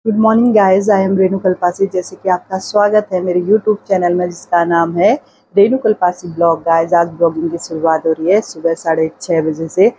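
A woman's voice: on the low side, flat delivery, normal speed, dark tone, breathy edge, low-quality recording. A woman vlogging at home with a handheld phone, speaking casual Hindi with a Rajasthani accent. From India. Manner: coaxing sing-song baby talk. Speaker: vlogger and mother.

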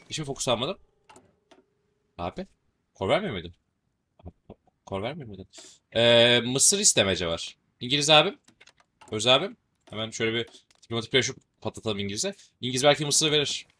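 A man's voice: medium pitch, pushed and bright. A man with a Turkish accent giving casual, joking commentary while playing a strategy game, swearing casually as he goes. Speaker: gaming channel host.

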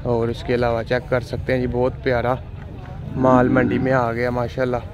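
A man's voice: medium pitch, moderate pace, lo-fi sound, a crowd in the background. A man walks through an outdoor cattle market and narrates for his video, repeating his praise of the animals over and over. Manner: flat, repetitive, keeps praising the animals. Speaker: vlogger touring a cattle market. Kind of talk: walking tour commentary. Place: outdoor livestock market under tents. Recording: outdoor noise behind voice.

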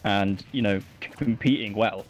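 A man doing lively, casual play-by-play commentary with quick reactions. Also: on the low side, soft background music. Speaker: esports commentator.

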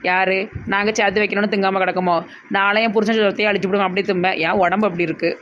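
A woman's voice: mid-range voice, little pitch movement, racing, a bit bright, highs cut off, a little hiss or hum. Mocking woman with Tirunelveli accent. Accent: Tirunelveli Tamil. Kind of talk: village comedy sketch.

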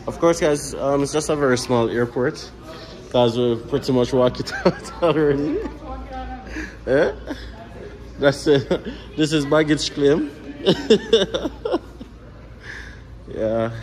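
A family vlogger and father with a Jamaican accent strolls through a small indoor airport terminal, narrating to camera in a relaxed, chatty way. His voice is medium-pitched and slow, with long pauses, as he chats casually through this family vlog walkthrough.

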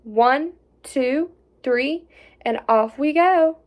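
A woman reading a storybook aloud, voicing a haughty, sneering male hare in a loud, proud tone. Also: high-pitched, very slow, highs cut off. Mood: eager. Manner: scornful and proud.

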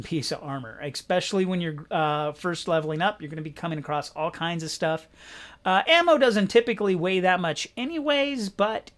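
A young man hosting a gaming channel, giving casual, rambling commentary with lots of fillers. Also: fairly high pitch. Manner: relaxed, rambling, many fillers.

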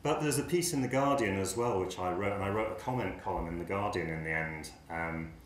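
A man's voice: sits low, a little fast. A man in his sixties with an English accent, giving a conference speech at a lectern in a lecture hall, wry and impassioned, talking with his hands. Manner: animated, gesturing, wry and impassioned. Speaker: pharmacy academic speaker.

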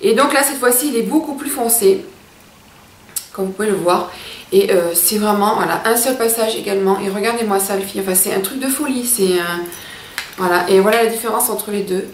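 A beauty vlogger in her thirties reviews makeup casually to camera, chatting enthusiastically and calling her viewers "girls." She's in a small room at home, and her medium-pitched, brisk voice has a roomy sound with a faint hiss or hum.

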